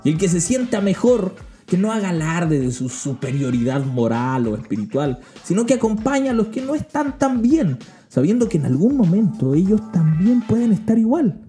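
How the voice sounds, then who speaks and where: A man's voice: high voice, very animated, moderate pace, warm tone, soft background music. A young Chilean man hosting a podcast, talking about faith in a joking, self-mocking way and mimicking other people's voices. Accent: Chilean Spanish. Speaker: podcast host. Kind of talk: humorous faith monologue.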